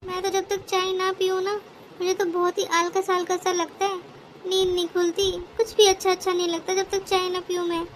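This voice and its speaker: A scheming young daughter-in-law in a cartoon, played by a woman, who complains in a sugary, whiny tone to get sympathy. Her voice is very high. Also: level tone, moderate pace, slight background noise. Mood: whining. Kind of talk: cartoon voice acting.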